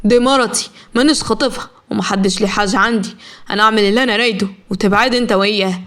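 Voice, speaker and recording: A woman's voice: mid-range voice, very fast, fairly bright tone, close to an everyday voice. A woman playing a cold, threatening husband. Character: harsh, controlling male husband and captor.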